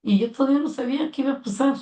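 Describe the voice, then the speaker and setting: Una mujer mayor con acento mexicano relata con sentimiento los recuerdos de su vida, dando voz a los diálogos que recuerda. Su voz es algo aguda y suena apartada del micrófono, en una sala con eco. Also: female voice, high-pitched, racing, dark tone. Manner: earnest and heartfelt, acting out remembered dialogue. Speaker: interviewee, mother of the interviewer. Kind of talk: personal life story told in conversation. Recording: roomy sound, mic at a distance.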